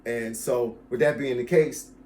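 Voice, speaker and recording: At a measured pace and steady mid pitch, a fitness coach in his fifties tells "y'all" about his channel, warm and casual. Emphatic, he keeps restating key phrases, and a faint hiss runs beneath the recording.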